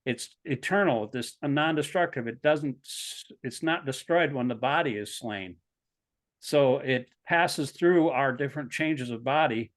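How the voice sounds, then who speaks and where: A man's voice: medium pitch, measured pace. A man leading a scripture class, explaining earnestly with frequent stumbling restarts. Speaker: class leader.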